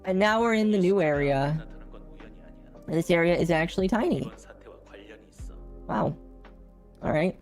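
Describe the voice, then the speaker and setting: Over soft background music, a woman streamer offers chatty, amused commentary while gaming live, speaking unhurriedly with long pauses. Her voice is lowish and darkish, pushed through a robotic changer that makes it sound metallic.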